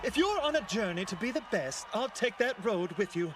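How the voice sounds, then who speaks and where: An actor playing a flamboyant, vain, theatrical stage magician in a video game. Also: male voice, high voice, very animated, brisk. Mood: grand, smug. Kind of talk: video game character voice acting. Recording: loud background noise.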